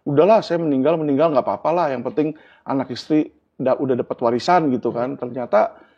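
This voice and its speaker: Interview guest: man, husky and slightly high, earnest, plain examples, dull lo-fi sound. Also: fast. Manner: earnest, explains with everyday examples. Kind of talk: candid interview talk.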